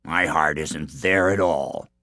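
A man voicing a surly male giant in a storybook reading, with a deep, gravelly, slow grumble. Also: pushed and bright, dry recording, clean studio sound, heavily acted. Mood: grumpy.

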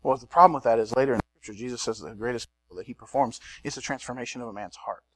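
A man preaching a sermon in a church, swinging between loud emphatic lines and quiet asides. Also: mid-range voice, racing. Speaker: pastor.

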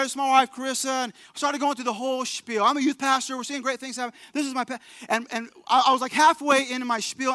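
A man with a high, bright, ringing voice preaches a sermon built on stories, recorded close and dry. He talks in animated bursts, stumbling into quick restarts and doubled words before punching his key lines hard. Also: dry recording. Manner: animated storyteller, rising to emphatic peaks. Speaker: pastor. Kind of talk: storytelling sermon.

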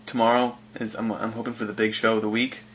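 Bright-voiced joking male podcast host. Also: on the low side, flat delivery, quick pace, husky. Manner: enthusiastic, joking and teasing. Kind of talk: casual chat.

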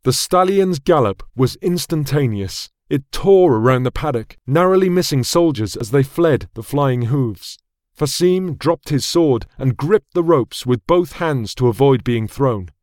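A man narrates a fantasy novel in an even, measured storytelling voice of middling pitch. The recording is close and dry, with no room echo. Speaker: audiobook narrator. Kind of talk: scripted narration.

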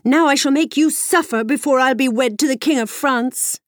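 A woman voicing a fairy-tale princess who is shrill and indignant. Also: normal speed, no echo, studio quality, close to an everyday voice. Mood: angry.

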